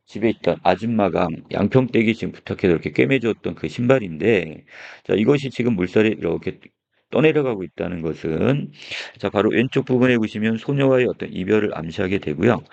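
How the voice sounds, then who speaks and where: A man's voice: lowish voice, creaky, darkish tone. A male teacher giving a classroom lecture on a story, explaining scene by scene and opening many phrases with a filler. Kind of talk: classroom lecture on a literary text. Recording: dull lo-fi recording.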